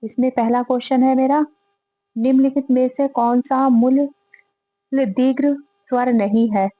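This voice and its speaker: A woman with a high, bright voice talks through exam-prep quiz questions like a teacher. She reads each question and repeats the options aloud before naming the answer. The sound is dry and close, with almost no room echo. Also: steady tone, unhurried, muffled recording. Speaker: Hindi grammar teacher.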